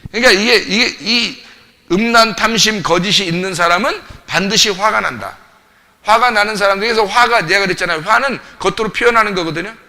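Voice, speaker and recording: Preaching in a church sanctuary whose hall gives a long reverb, this male pastor speaks briskly in a bright, forceful, high-sitting voice. His sermon is emphatic and filled with rhetorical questions aimed at the congregation.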